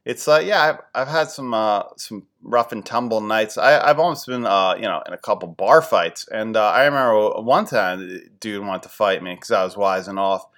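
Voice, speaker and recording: A man in his forties from the Philadelphia area, hosting a podcast and telling casual, rambling, self-deprecating stories, getting animated when he quotes his friends. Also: lowish voice, normal speed, hardly any pauses. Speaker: podcast host. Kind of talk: casual storytelling monologue.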